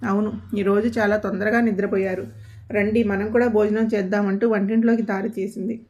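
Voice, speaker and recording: A woman's voice: mid-range voice, flat delivery, brisk, darkish tone, lightly acted. Woman doing a caring young wife. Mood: calm. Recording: dull lo-fi audio.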